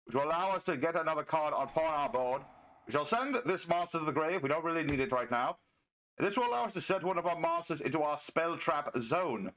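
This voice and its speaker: A gaming video host with a slightly high, fairly bright voice plays a pompous, chivalrous medieval knight. He commentates on a card game in mock-archaic speech.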